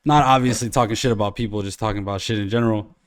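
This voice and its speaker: A man's voice: on the low side, fairly even intonation, racing, clear, resonant tone. A man hosts a loose podcast in his own easygoing voice, wandering from thought to thought. He pads his talk with ums and uhs and drops casual swearing as he goes. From Iceland. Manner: rambling, swearing, filler-heavy. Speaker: podcast host and streamer.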